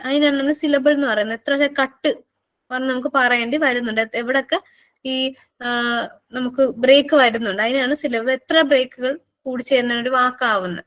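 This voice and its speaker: A woman's voice: sits high, a bit bright. A woman with a Malayali accent teaching an exam-prep lesson, explaining patiently, repeating words and putting questions to her students. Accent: Malayali English.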